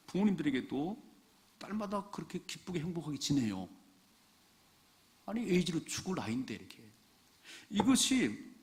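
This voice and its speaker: Male pastor, mid-pitched, lively sermon delivery full of rhetorical questions. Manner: animated preaching, rhetorical questions to the congregation.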